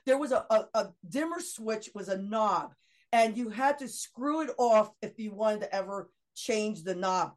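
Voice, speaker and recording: A middle-aged woman guest, casually telling an animated anecdote, full of laughs and quoted dialogue. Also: mid-range voice, measured pace. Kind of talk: casual storytelling.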